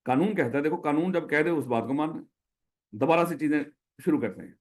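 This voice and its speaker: A man with a Pakistani Urdu accent gives a classroom law lecture in a voice pitched slightly high. He keeps quizzing his students and restating the rule, calling them his children. He slips English legal terms into his explanations. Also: fairly quick. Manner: repeats key points, quizzes students with questions. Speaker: accountancy lecturer.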